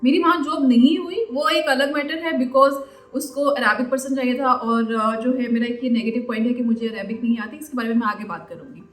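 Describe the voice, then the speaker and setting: A woman's voice: a little high, brisk, fairly bright tone. A woman vlogger giving job-hunting advice in a chatty, explaining way, dropping English phrases into her talk. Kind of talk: casual advice vlog. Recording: roomy echo, faint background music.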